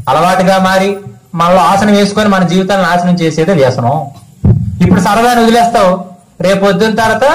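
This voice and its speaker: High-voiced man preaching in an echoey space. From India. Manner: preaching to a village gathering, asking the audience questions. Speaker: spiritual teacher. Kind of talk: sermon. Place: village gathering.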